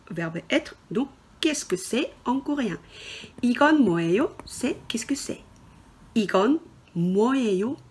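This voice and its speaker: A woman teaching a beginner language lesson over slides, explaining patiently and slowly, with fillers and self-corrections. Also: mid-range voice, a little mellow, husky. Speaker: Korean teacher. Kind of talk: screen-recorded language lesson.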